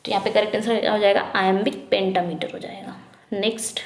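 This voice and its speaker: A woman teaching an English exam prep lesson, reading questions slowly and explaining quickly in Hindi, asking and answering herself. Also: medium pitch, little pitch movement, roomy sound. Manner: repetitive drilling, asks then answers herself.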